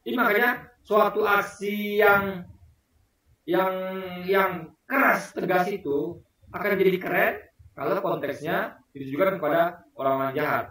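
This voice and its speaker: A man's voice: high voice, measured pace, pauses often, sharp tone. A man giving casual spoken political commentary to his viewers, emphatic, asking rhetorical questions and addressing them directly. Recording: very echoey room, voice far from the mic.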